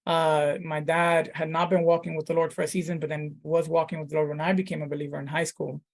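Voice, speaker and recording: A man's voice: on the high side, little pitch movement, fast. A man in his thirties from the Dominican Republic, a pastor talking casually in an interview, thoughtful, with many fillers and restarts. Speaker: pastor, guest.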